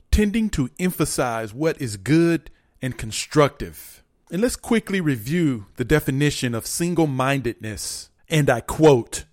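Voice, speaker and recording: A man's voice: on the high side, no room sound, clean studio sound. A man hosting a motivational podcast, talking earnestly and repeating key points like a preacher. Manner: earnest, repetitive, preachy, quotes definitions. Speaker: motivational podcast host and coach. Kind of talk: motivational monologue.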